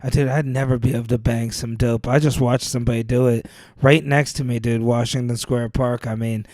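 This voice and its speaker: A man's voice: mid-range voice, little pitch movement, a little fast, a little mellow, no echo. A man as a podcast guest, casually telling loose, rambling stories and saying "dude" often, on a close mic. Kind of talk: casual chat.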